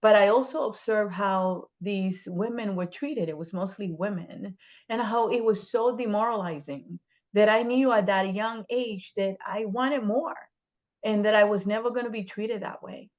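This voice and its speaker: A woman's voice: medium pitch, moderate pace, dull audio. A woman from the Dominican Republic, a guest in an interview, speaking earnestly and emphatically and often adding "right?". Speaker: guest, state legislator.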